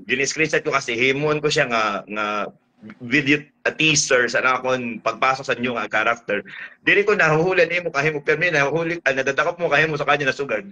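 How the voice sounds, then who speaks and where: A man's voice: mid-range voice, sharp tone, poor audio. A man with a Northern Samar Waray accent hosting a casual live stream, playful and teasing as he keeps switching topics. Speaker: host.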